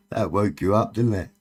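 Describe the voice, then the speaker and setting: A man's voice: lowish voice, dark tone, a little hiss or hum. A man with a Cornish accent chatting casually on a late-night livestream, bantering and swearing freely. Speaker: live stream host.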